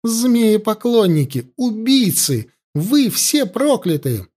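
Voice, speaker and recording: A man's voice: high voice, very animated, slow pace, darkish tone, pitched above the performer's own voice, full character voice. A man voicing a defiant young princess. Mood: furious. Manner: furious, defiant.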